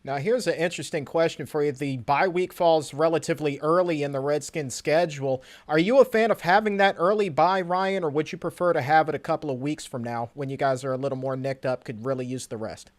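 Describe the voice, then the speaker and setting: A man's voice: a little high, brisk, few pauses. An American man hosting a sports interview, with a polished presenter delivery and playful, mock-formal phrasing. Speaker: sports show host, interviewer.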